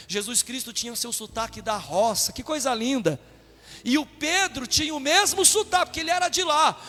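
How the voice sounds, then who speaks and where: A man from Brazil, a pastor preaching a sermon with animated delivery, acting out quotes in a raised voice. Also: very high-pitched. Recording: long hall reverb with faint music.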